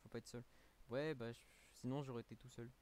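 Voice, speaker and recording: A man's voice: mid-range voice, steady tone, fairly quick, a little mellow, a little hiss or hum. A man with a French accent, a streamer chatting casually on a live stream, rambling with many fillers, a little tired.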